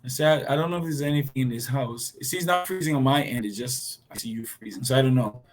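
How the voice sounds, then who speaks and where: A man's voice: medium pitch, fast talker. A man speaking as a guest over a video call from a house, his audio glitching and breaking up. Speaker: guest hairstyling competitor. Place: inside a house.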